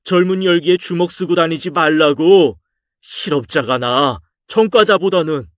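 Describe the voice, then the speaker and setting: A man's voice: fairly high pitch, moderate pace, dry recording, clean studio sound, pitched above the performer's own voice, natural voice. A man reading a story aloud and voicing a stern, exasperated middle-aged father who scolds his son in a raised voice. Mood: scolding. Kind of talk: audio drama story reading.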